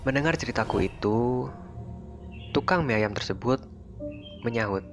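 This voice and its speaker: A man narrating a first-person horror story in a relaxed, conversational way. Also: mid-range voice, moderate pace. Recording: faint music underneath. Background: faint background music.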